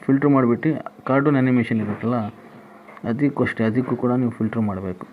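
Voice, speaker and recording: A male tutorial host with a medium-pitched voice speaks fast in a voice-over, walking through an app step by step and repeating each instruction as he goes. The audio has a tinny, phone-like band with faint noise.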